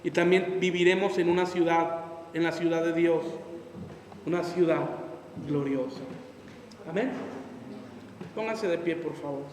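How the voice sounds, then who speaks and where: A man's voice: on the high side, steady tone, unhurried, pauses often, darkish tone. A man preaching a sermon as a pastor, acting out people's excuses in quoted voices. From Mexico. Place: church hall. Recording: echoey hall from far off, faint noise.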